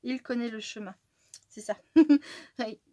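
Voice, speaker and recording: A chatty French woman with a slightly high voice unpacks her mail, easily delighted and quick to laugh. She now and then drops to a soft whisper. The recording is close and dry, with no room sound. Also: no echo. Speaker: crafting channel host. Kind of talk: casual chat while opening mail.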